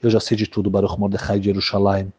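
A man doing a stern, hushed old rabbi. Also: on the low side, completely flat delivery, fast, slightly rough, lo-fi sound, voice pushed down. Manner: firm, hushed, admonishing. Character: stern older male rabbi, firm and grave.

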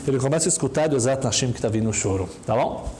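A man telling a story in an animated way, acting out the dialogue. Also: mid-range voice, rapid-fire.

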